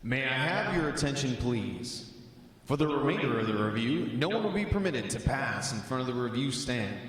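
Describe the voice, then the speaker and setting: Male ceremony announcer, formal PA delivery, mid-pitched, huge hall echo with faint noise. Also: very animated, moderate pace, fairly bright tone. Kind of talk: formal public-address announcement. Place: large indoor drill hall.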